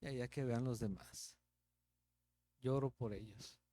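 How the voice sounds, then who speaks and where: A man's voice: medium pitch, measured pace, mellow, no room sound. A man with a Mexican Spanish accent teaching the Bible verse by verse as a pastor, in a conversational preaching manner with rhetorical questions.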